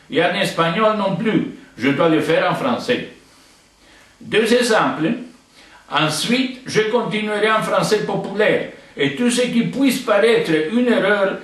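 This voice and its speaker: Here the video letter writer, an older native Italian speaker with a matching accent, sounds high-pitched and a little bright as he bluntly, indignantly reads his open letter. Echo fills the recording, and the mic is far off.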